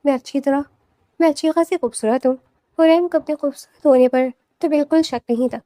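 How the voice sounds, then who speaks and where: High-voiced woman narrating a novel. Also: warm tone, no room sound. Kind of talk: scripted audiobook narration.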